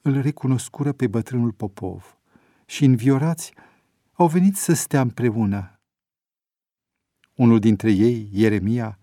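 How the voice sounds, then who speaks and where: A man's voice: mid-range voice, mellow, no room sound. Man narrating a story, dry. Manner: measured reading. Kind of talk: scripted narration.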